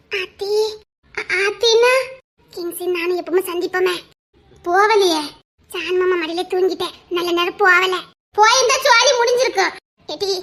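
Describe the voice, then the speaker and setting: A young woman, voicing a cheeky village woman in loud, laughing, bickering audio-drama banter. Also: very high voice.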